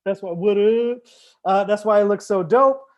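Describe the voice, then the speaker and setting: A man's voice: high voice, normal speed. A man hosting a live-streamed wine tasting as a sommelier, talking casually and upbeat with frequent fillers. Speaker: sommelier and show host.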